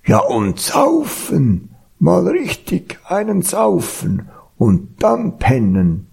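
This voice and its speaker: A man voicing a simple, boozy ox in a told animal story, drawling slowly. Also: high voice, huge pitch swings, creaky, darkish tone, breathy edge, pitched above the performer's own voice, exaggerated voice. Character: boozy dim ox, later sheepish.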